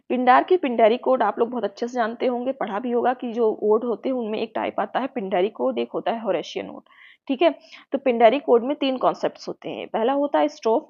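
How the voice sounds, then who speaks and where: A woman with an Indian accent giving an exam-prep lecture, explaining patiently and checking in with her students often. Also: a little high. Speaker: teacher. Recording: muffled lo-fi sound.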